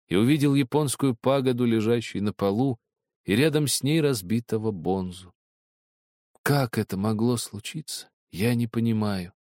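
A man narrating literary prose as an audiobook in a measured, expressive way. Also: medium pitch, no echo, clean studio sound.

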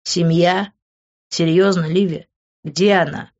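A woman reading an audiobook, voicing a weary, bitter young man in a low, subdued tone. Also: steady tone, takes it slowly, darkish tone, lo-fi sound. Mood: bitter, tired.

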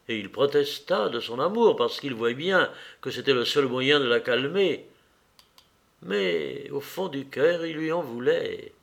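Man reading a classic novel aloud, slow and deliberate, medium pitch. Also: gravelly. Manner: measured and deliberate. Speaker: audiobook narrator.

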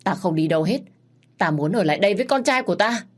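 A woman's voice: fairly low pitch, lively intonation, moderate pace. A woman voicing a grieving royal mother in a read-aloud story, wailing in anguish.

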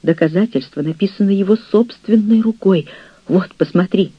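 Man putting on a shrill scheming old nurse. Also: moderate pace, husky, no echo, muffled recording. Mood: insistent. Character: older woman, scheming jealous nurse, ensign's widow.

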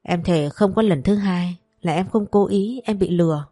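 A woman's voice: lowish voice, normal speed, dark tone, no echo, clean studio sound, faint music behind, lightly acted. Woman doing a wailing young maid begging mercy. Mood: pleading. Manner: pleading, tearful.

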